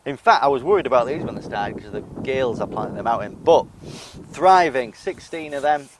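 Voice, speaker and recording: A man's voice: mid-range voice, expressive, fairly quick, background noise. A British man talking casually as he walks round his allotment garden, chatty and self-deprecating. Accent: British English. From United Kingdom. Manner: chatty, self-deprecating, talks while eating. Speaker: allotment vlogger. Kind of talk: casual garden vlog walk-through.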